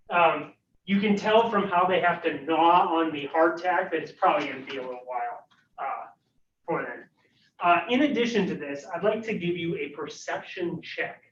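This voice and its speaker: A man with a slightly high voice narrates as game master of a tabletop game, hesitating often and filling gaps with fillers. He's in a room during a livestreamed faculty game, and the recording sounds roomy, distant, and dull, with a faint hiss or hum.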